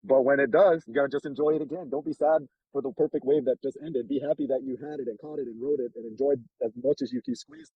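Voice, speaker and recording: A man's voice: medium pitch, expressive, quick pace, creaky, hardly any pauses, slightly rough, no echo, lo-fi sound. A man hosting a casual advice chat, blunt, profane and streetwise, talking from a car. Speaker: host giving dating advice.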